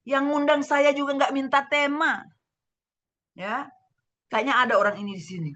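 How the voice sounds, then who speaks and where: Fervent high-voiced woman pastor from Manado. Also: normal speed, highs cut off. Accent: Manado Indonesian. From Manado, Indonesia. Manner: fervent, swings from loud exclaiming to hushed asides. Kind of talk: sermon over video call. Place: home room, husband preaching next door. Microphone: video call.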